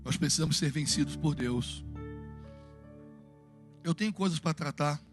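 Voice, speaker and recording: High-voiced Brazilian pastor preaching. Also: male voice, moderate pace, music in the background. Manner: fervent preaching mixed with humorous personal anecdotes. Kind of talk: sermon. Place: church, Sunday evening service.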